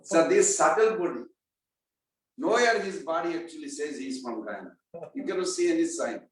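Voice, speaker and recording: This spiritual class speaker has a slightly high, animated voice and talks at normal speed. He chats casually through a scripture class, questioning listeners and chanting verses. Echo fills the room, and the mic is far from him.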